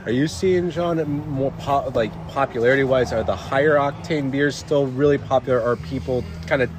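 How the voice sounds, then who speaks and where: A man's voice: medium pitch, normal speed, background noise. Chatty man who stumbles over words. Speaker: podcast co-host. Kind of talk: casual podcast chat.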